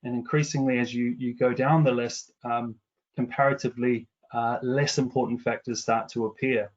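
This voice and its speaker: Speaking flatly in a mid-range voice over lo-fi sound, a middle-aged man from New Zealand presents survey findings in a webinar as a commercial director. His tone is measured and businesslike, though he ums and restarts a lot, and his accent is partly anglicized after years in England.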